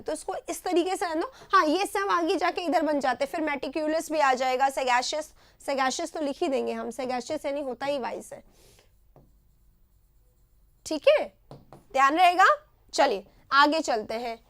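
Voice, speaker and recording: Teaching English vocabulary live online, a woman with an Indian accent breaks down each word in short phrases she repeats, regularly checking with "right?". Her voice is high-pitched, and the recording has no room sound.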